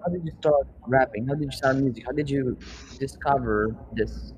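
This is a casual interview chat led by a young man who hosts a podcast, talking loosely with rising rappers and putting questions to them. He rambles, stays relaxed, and drops curse words offhandedly. His pitch sits in the middle, his pace is moderate, his tone runs a bit dark, and the recording quality is poor.

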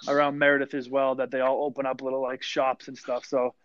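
A man's voice: medium pitch, little pitch movement, fast, fairly bright tone. A man hosting a casual podcast interview, asking questions and laughing often. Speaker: podcast host. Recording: dull lo-fi audio, dry.

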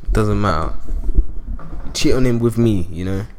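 A man's voice: fairly low pitch, normal speed. A young man, bantering and teasing in slang on a podcast, with noise behind him. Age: young adult. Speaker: podcast co-host. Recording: clear background noise.

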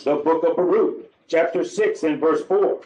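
A man reading scripture aloud in a steady, formal way during a street sermon. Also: on the high side, unhurried, echoey room, a little hiss or hum, low-quality recording. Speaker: scripture reader.

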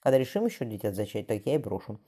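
A woman's voice: extremely low pitch, sing-song, very fast, dark tone, slightly rough, heavily acted. A reader voicing a confident, blunt noblewoman and expectant mother with an earthy, plainspoken manner. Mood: firm. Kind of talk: audiobook character voicing.

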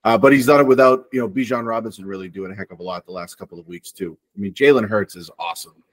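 A low-voiced man chatting with friends on a podcast. He rambles through long stretches of analysis without pausing for others. The sound is close and dry. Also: no echo. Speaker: podcast co-host. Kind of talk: casual chat among friends.

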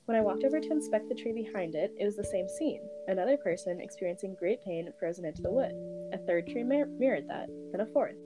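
A woman reads a first-person horror story aloud in an even, steady voice. She pauses now and then to chat with a friend. Soft guitar music plays behind her. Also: medium pitch. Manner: reads steadily, with fillers and laughs between passages. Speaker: story reader.

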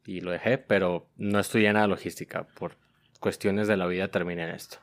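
A man's voice: low voice, flat delivery, fairly quick. Easygoing man in his twenties. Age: 20s. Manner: easygoing, laughs often. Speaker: podcast guest. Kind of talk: casual interview chat.

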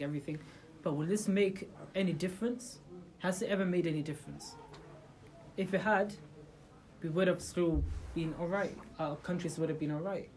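The audio is poor as a medium-pitched, slightly mellow speaker leads a small group's informal religious talk in a room. They lean on rhetorical questions and often start sentences over.

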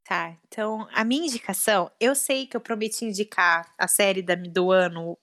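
A woman's voice: mid-range voice, normal speed, fairly bright tone. A young adult woman in a casual chat, talking emotionally with lots of fillers.

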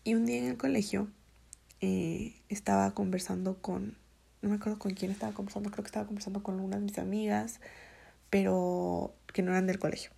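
Soft-spoken, heavily creaky young woman. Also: mid-range voice, level tone, a little fast. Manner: soft, hesitant, often half-whispered, with many fillers. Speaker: vlogger. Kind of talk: confessional personal storytelling.

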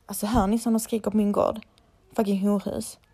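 A woman's voice: mid-range voice, level tone, creaky, warm tone, slightly rough. A young woman, a laser hair removal technician, chatting casually and bluntly to her followers and swearing freely.

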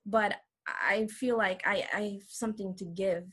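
A woman's voice: mid-range voice, steady tone, a little slow, a bit bright, husky. Earnest young woman from El Salvador. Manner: earnest, frequent fillers like "um" and "like". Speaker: guest. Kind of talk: casual personal testimony.

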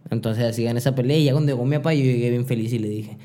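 A man's voice: mid-range voice, rapid-fire, dark tone. A young man with a Mexican accent, a boxer telling his story in a casual interview, rambling with restarts and fillers. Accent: Mexican Spanish. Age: young adult. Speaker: boxer guest.

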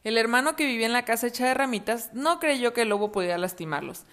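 A woman reading a story aloud to children in a gentle, expressive way and asking them questions. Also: on the high side, fast talker.

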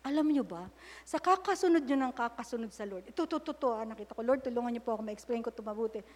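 Long hall reverb surrounds this middle-aged woman's fairly high, slightly mellow voice as she preaches quickly with lively intonation. Her sermon weaves candid personal stories in English and Tagalog, and she slips into spoken prayer mid-sentence.

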